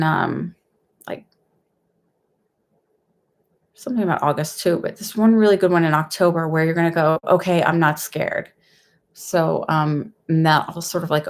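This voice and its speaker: A woman with a slightly low voice and a lisp that whistles on the s, touched by a mild cold. She talks in a casual, rambling way as a psychic medium on a livestream, keeping her volume down and pausing to find her words. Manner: hesitant, rambling, conversational; speaking somewhat quietly. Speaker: psychic medium host giving live readings.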